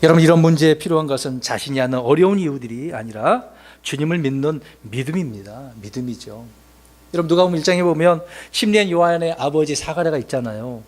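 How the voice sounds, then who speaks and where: A middle-aged man delivers a sermon with a somewhat high-pitched voice. He throws questions at the congregation and briefly mimics the excuses people make, rising loud and then dropping low. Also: fast talker. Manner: lively preaching with rhetorical questions and acted-out excuses. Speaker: pastor.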